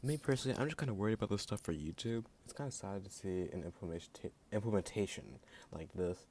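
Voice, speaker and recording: Fast and mellow on the low side, a male YouTube creator delivers a sarcastic, blunt opinion rant packed with "like." His voice gets jittery now and then, and a little hiss or hum runs underneath.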